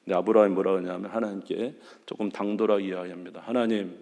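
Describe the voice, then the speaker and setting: A man preaching a sermon, his fairly low voice ringing through a church hall with a long reverb. He acts out quoted dialogue dramatically, jumping up in pitch and loudness. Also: level tone, rapid-fire, gravelly. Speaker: pastor. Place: church sanctuary.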